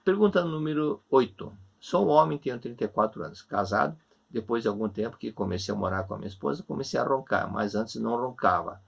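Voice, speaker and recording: Gravelly-voiced Brazilian man giving counsel. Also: medium pitch, lively intonation, fast. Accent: Brazilian Portuguese. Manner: gentle, repetitive, reassuring counsel. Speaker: religious lecturer. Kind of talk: online religious class answering questions.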